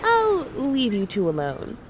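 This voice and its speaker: A polite, wry young adventurer in a video game. She speaks slowly with lively intonation. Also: fairly high pitch, background noise. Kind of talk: video game character acting.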